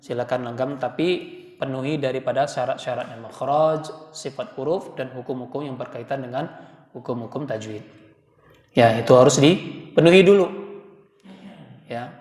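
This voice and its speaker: A man's voice: medium pitch, moderate pace, pauses often, darkish tone. A man with an Indonesian accent, a Quran teacher leading a class and sounding out letters. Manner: chants and demonstrates letter sounds. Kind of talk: teaching class, call and response. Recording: echoey hall, long reverb.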